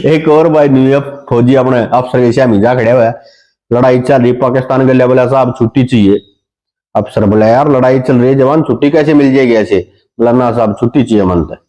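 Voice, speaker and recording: A man's voice: mid-range voice, a little fast, warm tone, poor audio. A man with a Haryanvi accent telling comic village stories in dialect, slipping into sing-song voices for the people in his jokes. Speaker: comedian.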